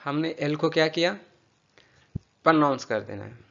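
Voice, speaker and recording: A man teaching English pronunciation, patiently drilling words slowly and repeating them for a learner. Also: fairly high pitch, expressive, creaky, a bit bright, highs cut off. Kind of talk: spoken language lesson.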